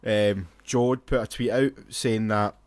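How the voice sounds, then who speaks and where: A man co-hosting a podcast in casual, excitable, sweary chat. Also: on the low side. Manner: excitable, sweary, quick to laugh. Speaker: podcast co-host.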